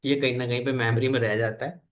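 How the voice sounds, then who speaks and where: A man teaches a programming lesson, pausing often to quiz his students and wait for them to answer. His voice sits at an ordinary middle pitch. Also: fairly even intonation. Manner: asks the class questions and waits for answers. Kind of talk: classroom coding lesson.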